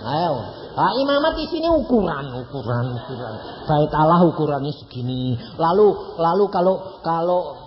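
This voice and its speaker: A man in his eighties with a Javanese accent, preaching as an evangelist in a folksy, animated storytelling manner full of mock dialogue. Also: a little high. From Central Java, Indonesia. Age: 80s. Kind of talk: sermon. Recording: echoey hall, dull lo-fi, faint hiss.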